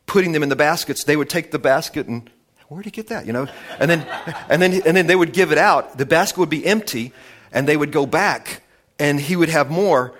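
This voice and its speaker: A man preaching a sermon, retelling scenes in an animated storytelling way with many restarts. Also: on the high side, fairly quick.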